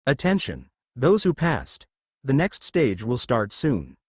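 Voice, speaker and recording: A man's voice: mid-range voice, wildly swooping pitch, slow, slightly rough, dry recording, clean studio sound, full character voice. A man voicing a stern adult exam announcer in a read-aloud story. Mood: formal.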